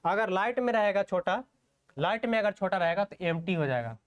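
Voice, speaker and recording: A man whose voice sits high, sounding animated and smooth, teaches shorthand online with slow, step-by-step explanations while writing strokes. He tends to ask rhetorical questions and say "okay" to check in.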